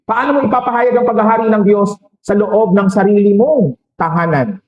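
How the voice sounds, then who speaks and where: Filipino priest giving a sermon, high voice, echoey church, joking around with the crowd. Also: male voice, dull audio. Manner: preaching with rhetorical questions and quick jokes.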